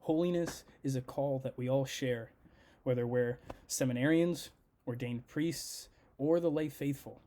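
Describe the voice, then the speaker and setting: Earnest man with a soft, mellow voice. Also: mid-range voice, a little slow. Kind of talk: prepared devotional message.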